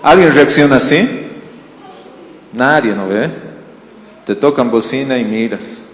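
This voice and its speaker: A man's voice: mid-range voice, measured pace. A man from Bolivia preaching a sermon as pastor, telling stories and asking the congregation questions. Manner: animated storytelling with questions to the congregation. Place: church hall. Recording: roomy church hall reverb.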